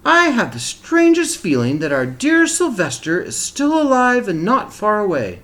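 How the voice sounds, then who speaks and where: A man's voice: sits high, wildly swooping pitch, a little slow, a bit bright, pitched above the performer's own voice, exaggerated voice. A man voicing a wistful, earnest mother donkey who misses her child, in a children's storybook. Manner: yearning, earnest.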